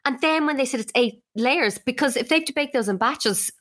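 A woman co-hosting a casual podcast, chatting in an animated, storytelling way. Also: high-pitched, a little fast. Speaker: podcast co-host. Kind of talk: casual chat.

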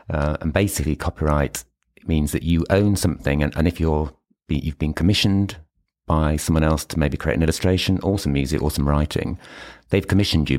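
A man's voice: rumbling low, a little mellow. A British man speaking as an expert podcast guest in a meeting room, explaining things step by step with examples. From United Kingdom. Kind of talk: explanatory interview talk.

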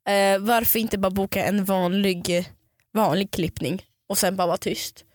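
A woman's voice: mid-range voice, steady tone, no echo. A woman co-hosting a podcast in casual chat, chatty and teasing as she reads out listener questions. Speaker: podcast co-host.

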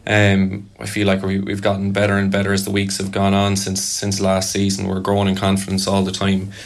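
A young man from Kerry with a soft, fairly neutral Irish accent, giving hesitant, measured answers in a casual interview. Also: low voice, completely flat delivery. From Kerry, Ireland. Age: young adult. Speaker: Gaelic football player being interviewed.

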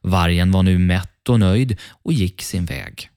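A man narrating a fairy tale for children in a calm, friendly, measured way. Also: sits low, gravelly, no room sound, clean studio sound. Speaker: children's storyteller.

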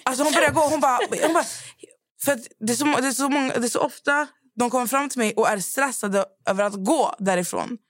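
Chatty Swedish woman, slightly high. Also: no room sound. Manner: animated storyteller acting out quotes. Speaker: podcast host. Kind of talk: casual chat.

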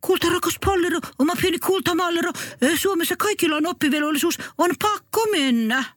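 A woman's voice: very high-pitched, no echo. A woman voicing a doting, indulgent mother in a comic radio story, sugary and fussy.

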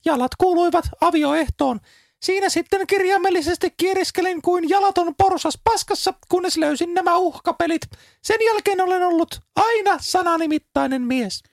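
Comedy sketch bit: a shrill, high, bragging legless gambler guy, sounds a bit off-mic. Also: creaky, dry recording, studio quality. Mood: boastful. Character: legless middle-aged man, boastful gambler.

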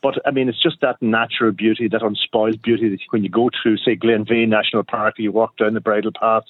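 A man's voice: on the low side, steady tone, brisk, no echo. A man with a Donegal Irish accent, rambling casually as a caller on a radio phone-in. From County Donegal, Ireland. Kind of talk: casual, reminiscing phone-in talk. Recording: narrow, dry phone line.

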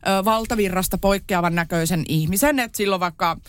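A woman's voice: medium pitch, clear, resonant tone, dry recording. A woman co-hosting a casual chat, speaking in a thoughtful, hesitant way with fillers. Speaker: podcast co-host.

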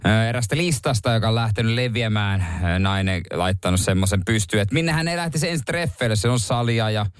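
A man co-hosting a morning radio show, bantering in a lively, jokey way into a studio microphone. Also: on the low side, clean tone, dry recording. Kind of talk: casual radio chat.

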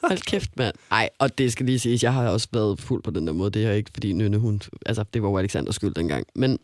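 A young man chatting casually on a podcast, telling a story with lively acted-out quotes. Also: on the low side, no room sound, clean studio sound. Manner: animated, acts out quoted voices.

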